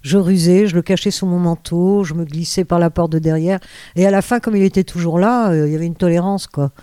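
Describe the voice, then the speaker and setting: A woman's voice: lowish voice, a little fast, mellow, smooth, no room sound. An older woman, a former radio host, telling rambling stories with many hesitations and restarts in an interview. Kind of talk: anecdotal storytelling.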